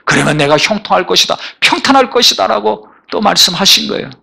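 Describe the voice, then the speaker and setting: A man preaching in a church with a high, bright voice. He builds his points through repeated phrases that climb in emphasis. He asks the congregation for responses. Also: lively intonation, fast talker, vocal fry, breathy edge. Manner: preaching with rising emphatic repetitions and call-and-response. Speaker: pastor. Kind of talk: sermon. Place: church sanctuary.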